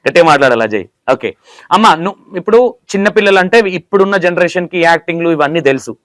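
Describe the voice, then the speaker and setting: Man, Telangana accent, interviewer, quick talk, fairly high voice, teasing tone, dry close sound. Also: expressive, fairly bright tone, no room sound. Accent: Telangana Telugu. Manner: teasing, playful questioning. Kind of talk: casual interview.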